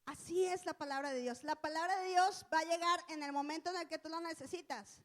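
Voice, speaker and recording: A woman teaches a church lesson in a loose, conversational way. Her voice sits very high, and she weaves a personal story through it with colloquial asides. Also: fairly even intonation, fairly quick.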